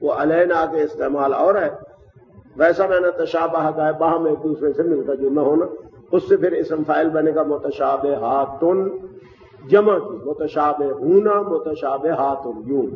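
A man with a fairly high voice delivers a slow, methodical lesson and keeps pausing to lay out each point. He sounds far from the mic, in a roomy hall with a long echo. The recording is dull and muffled, with a faint hiss behind it. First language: Urdu. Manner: explanatory, methodical, pauses often. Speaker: teacher of Quranic Arabic grammar. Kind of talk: classroom lecture.

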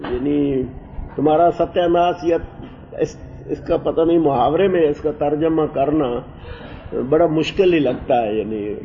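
A man teaching a class on Quranic Arabic. He explains the grammar at length, wanders off topic, and recites verses slowly. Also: on the high side. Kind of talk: classroom lecture on scripture and grammar. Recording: muffled lo-fi classroom recording with faint hiss.

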